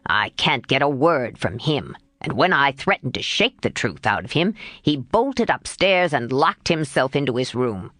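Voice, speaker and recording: A woman reading an audiobook voicing a gruff, abrupt old gentleman in a lowered voice. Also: big pitch swings, measured pace, hardly any pauses, no room sound, clean studio sound, exaggerated voice. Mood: stern.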